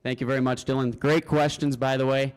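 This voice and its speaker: A man's voice: mid-range voice, level tone, fairly quick, a little mellow. A man, an auctioneer contestant, giving spoken interview answers to a room. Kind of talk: spoken interview answers before a live audience.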